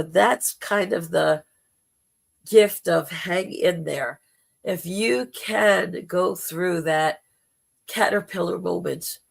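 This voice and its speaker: Spiritual livestream host: very gravelly, hoarse voice, informal and gently encouraging delivery. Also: medium pitch. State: temporarily hoarse.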